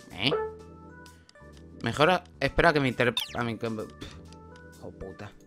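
Young dude doing a goofy let's play, bright voice jumping all over, game music faint behind. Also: male voice, fairly high pitch. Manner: joking, swearing, talks to game characters. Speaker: gaming youtuber. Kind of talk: casual let's play commentary.

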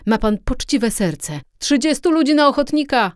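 A stern army captain guarding his fort, firm and proud of his duty, as a woman narrator puts him on. The voice is warm and low-set, recorded close and dry. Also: normal speed, no room sound, natural voice. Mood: stirred. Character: stern fort commander, adult man, dutiful.

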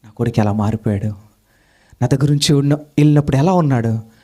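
A man voicing a loving elderly father in a sermon story, speaking low and hushed with sorrow. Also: fairly even intonation, moderate pace, slightly rough, natural voice. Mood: grieving.

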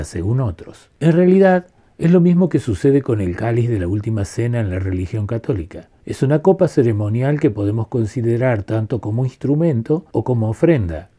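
A man narrating a calm, measured lesson on a sacred text from a script. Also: medium pitch. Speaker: teacher of Vedanta.

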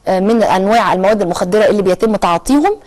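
A woman with an Egyptian accent hosting a televised current-affairs show, explaining at length with frequent drawn-out hesitations. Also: medium pitch, darkish tone. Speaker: TV talk show host.

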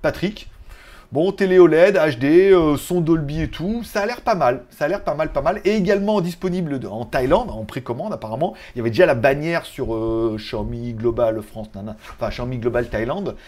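A man's voice: on the high side, a little fast, darkish tone. A man hosting a casual tech news vlog, rambling in a chatty way with joking asides. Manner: chatty, joking asides, laughs at own jokes.

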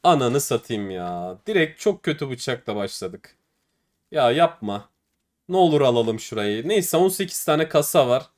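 A young man hosting a gaming video, giving casual case-opening commentary, excitable, groaning and swearing at bad drops. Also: medium pitch, a little slow.

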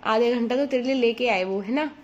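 A woman's voice: fairly high pitch, brisk, darkish tone, lo-fi sound. A woman vlogging at home, scolding and coaxing her pet dog in a mix of stern and baby talk. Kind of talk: casual home vlog, talking to pets.

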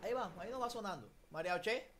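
Profesor animado con acento latinoamericano. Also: male voice, sits high, quick pace, a little hiss or hum. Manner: lively, drills pronunciation, mixes Spanish and English. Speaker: English teacher. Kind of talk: online class. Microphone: video call.

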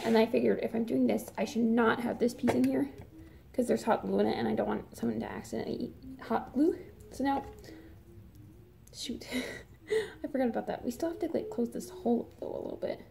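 A woman's voice: fairly high pitch, gravelly, warm tone, slight background noise. A woman hosting a casual prank vlog, chatty and bubbly, with whispered asides. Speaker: vlogger.

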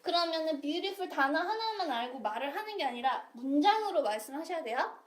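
High-voiced woman teaching English. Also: expressive, fairly quick, roomy sound. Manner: patient, prompting students to fill in words. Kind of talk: English lesson with students.

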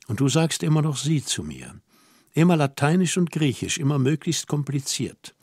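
A man voicing a stern but motherly young woman who calmly scolds and teases a lonely older man, in a dry recording. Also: mid-range voice, slightly rough, no echo. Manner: calm, gently scolding.

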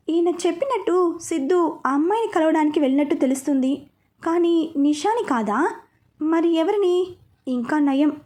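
A woman narrating a serialized story in a steady, even storytelling manner. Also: high-pitched.

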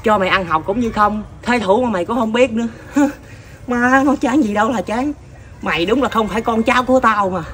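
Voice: mid-range voice, a little fast, slight background noise, natural voice. Comedy skit: an adult as a hot-tempered older relative, Southern Vietnamese accent, exasperated and scolding. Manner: loud exasperated scolding, repeated sighing exclamations.

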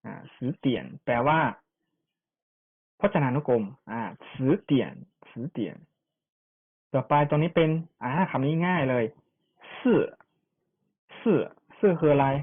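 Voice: mid-range voice, lively intonation, measured pace, pauses often, breathy edge. A language teacher giving an online pronunciation lesson, repeating each syllable for students to copy, with chatty asides. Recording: tinny phone-like sound.

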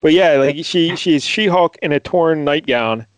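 A man co-hosting a casual podcast chat, laid-back and quick to laugh. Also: on the high side, no echo. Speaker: podcast co-host.

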